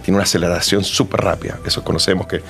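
A man's voice: sits low, fairly even intonation, rapid-fire, creaky, fairly bright tone. A man from Argentina with an Argentine accent, a company manager chatting as a guest in an interview, friendly and full of restarts. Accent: Argentine Spanish. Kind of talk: casual interview answers.

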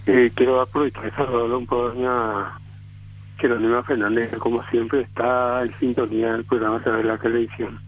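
A man from Paraguay, calling in to a radio show on speakerphone. He speaks in a measured, formal way with some hesitations. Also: medium pitch, level tone. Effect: phone line on speakerphone. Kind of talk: on-air cultural segment and poetry recital. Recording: dry, tinny phone line.

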